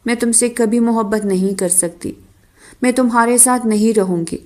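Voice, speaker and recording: A woman's voice: a little high, warm tone, lightly acted. A woman reading the lines of a wronged young wife who turns on her deceiving husband, in an audiobook novel reading. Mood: accusing. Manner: accusing, bitter.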